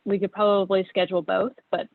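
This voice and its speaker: A woman on staff dials into a formal meeting and gives a brisk, matter-of-fact update on the schedule. Her voice comes through a crackly, narrow phone line with a faint hiss underneath. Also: mid-range voice, flat delivery, vocal fry. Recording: tinny, noisy phone line.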